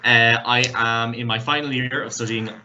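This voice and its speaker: A man's voice: medium pitch, fairly even intonation, moderate pace, sharp tone, lo-fi sound, slight background noise. A young man in his twenties introducing himself on a video call, easygoing. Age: 20s. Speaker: student ambassador. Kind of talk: casual chat.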